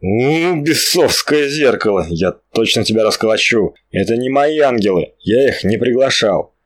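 A man voicing an irritable young gentleman who gives curt, commanding orders. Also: medium pitch, animated, normal speed, natural voice. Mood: angry.

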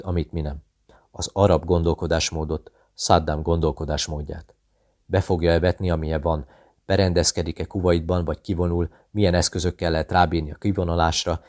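Deep-voiced man reading a novel aloud. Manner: steady, measured reading that voices dialogue within the narration. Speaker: audiobook narrator. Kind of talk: scripted narration.

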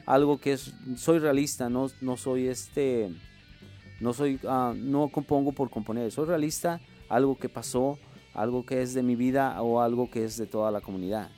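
This is a middle-aged man from Mexico City, a musician who also teaches music, answering radio interview questions earnestly but haltingly, with many fillers and restarts. His accent is that of the Mexican capital, and his medium-pitched voice is slightly mellow.

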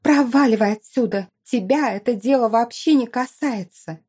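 A woman voicing a furious, spoiled young noblewoman who shrieks and yells hysterically. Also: on the high side, normal speed, slightly rough, voice pushed up. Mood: shrieking fury. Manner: shrieking, yelling. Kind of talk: audiobook character voice.

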